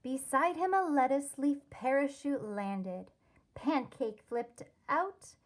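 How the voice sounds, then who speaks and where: A woman teacher with a high-pitched voice reads a rhyming children's story aloud, expressively and with deliberate, careful wording.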